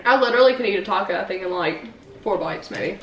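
A woman's voice: medium pitch, lively intonation, quick pace. A young woman vlogger chatting casually and giggling while she eats on camera. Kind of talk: casual mukbang chat. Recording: echoey room with faint noise.

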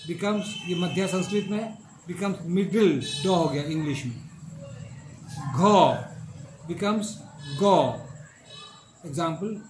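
A man's voice: a little high, a little hiss or hum. A middle-aged male professor lecturing a class, repeating each point and checking that students follow. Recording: echoey classroom with faint ambience.

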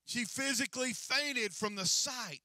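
High, bright-voiced preacher man. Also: measured pace, no room sound. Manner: preaching with rising and falling intensity, repetitive cadence. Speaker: senior pastor. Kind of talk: sermon. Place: large church sanctuary stage. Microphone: handheld mic.

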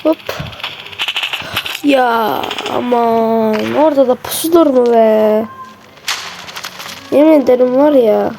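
Slightly hoarse, gravelly woman commentating a game. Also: slow, pauses often, warm tone, slight background noise, rough recording. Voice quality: gravelly, creaky voice. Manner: muttering reactions to the game, keeping voice low. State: slightly hoarse, a bit sick. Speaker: gamer narrating own gameplay. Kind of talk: casual gaming commentary.

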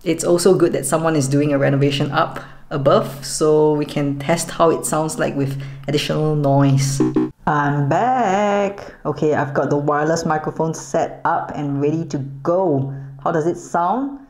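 A woman vlogger with a notably low voice, chatting playfully and cracking jokes as she tests her gear. Music plays clearly behind her. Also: measured pace, darkish tone. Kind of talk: casual vlog, testing microphones.

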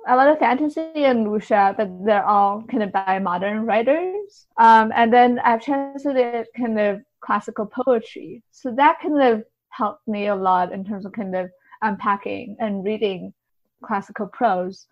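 Here a literary translator, a woman with a slightly high voice, explains things at a measured pace during an interview. She hedges a lot, softening her points in a conversational way. The sound quality is dull and lo-fi.

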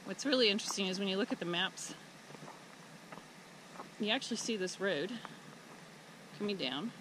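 A woman travel vlogger rides in a truck along a dirt road, offering casual, chatty commentary and thinking aloud as she drives. Her medium-pitched voice has lively intonation and a normal pace, and the background is noisy.

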